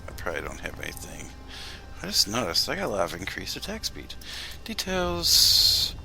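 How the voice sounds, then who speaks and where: A man's voice: low-pitched, wildly swooping pitch, normal speed, gravelly, over music. A man casually commenting while he plays a game on a live stream, rambling and self-deprecating, often trailing off mid-sentence. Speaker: gameplay streamer.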